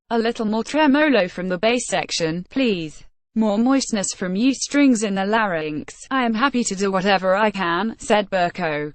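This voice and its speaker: Woman, mid-pitched, steady reader for a news sketch, very dry sound. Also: dry recording. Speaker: article reader. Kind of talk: read-aloud news column.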